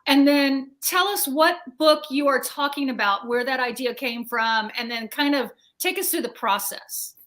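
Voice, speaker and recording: High, bright woman hosting a video chat. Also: moderate pace, few pauses. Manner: encouraging, frequent backchannel murmurs. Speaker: host. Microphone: video call.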